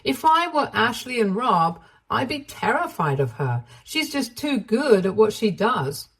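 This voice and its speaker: A woman narrating a first-person drama story in a steady, even way. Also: on the high side, a little slow, breathy edge.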